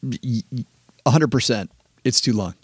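A man co-hosts a personal finance chat, telling stories in a chatty, quick way that restarts and doubles back. His voice sits at an ordinary pitch and comes through dry and close to the mic. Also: expressive, slightly rough, dry recording. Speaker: podcast co-host. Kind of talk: casual chat.

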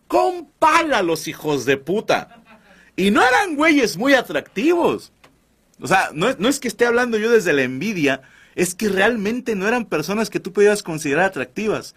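A man tells comic stories on his podcast, loose and full of crude slang. His voice sits fairly high and swings widely in pitch. The tone is bright and sharp. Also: breathy edge. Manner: crude slang, animated, addresses listeners as brothers. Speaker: podcast host. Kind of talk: comedic storytelling monologue.

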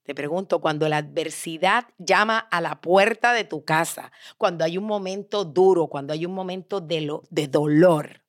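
A woman's voice: fairly low pitch, normal speed, hardly any pauses. A woman hosting a motivational podcast, telling a story expressively and putting questions directly to the listener. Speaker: podcast host.

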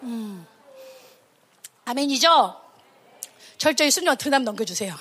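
Emphatic high-voiced woman preacher. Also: lively intonation, unhurried, a bit bright, slightly rough, some chatter behind. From Korea. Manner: emphatic, acts out quotes, rhetorical questions. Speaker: evangelist preaching to a children's camp. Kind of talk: sermon.

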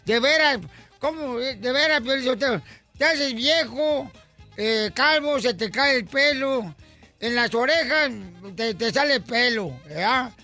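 A man hosting a radio comedy show, joking playfully and shouting hype calls between jokes. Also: very high voice, measured pace, soft background music.

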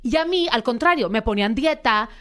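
A young woman tells her story as a podcast guest. Her voice sits a bit high, and she is animated, acting out the voices of the people in her story. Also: fairly quick. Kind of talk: interview storytelling.

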